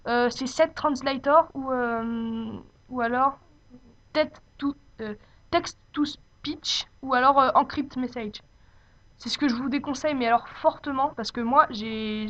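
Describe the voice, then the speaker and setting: A woman giving an informal, unscripted software tutorial, speaking hesitantly as she searches for her words. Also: high voice. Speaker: tutorial presenter. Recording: dull lo-fi home microphone.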